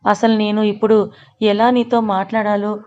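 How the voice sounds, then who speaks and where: A woman's voice: medium pitch, little pitch movement, moderate pace, warm tone, close to an everyday voice. A woman voicing a kind, grateful young married woman in a storybook. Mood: pleading. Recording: dull lo-fi recording.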